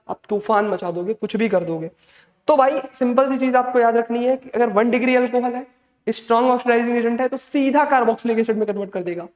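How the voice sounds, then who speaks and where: A man's voice: extremely high pitch, a little mellow. A man teaching chemistry in an online exam-prep lecture, fatherly and motivating, drilling key points over and over. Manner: fatherly, motivating, calls students "beta". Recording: echoey room with long reverb.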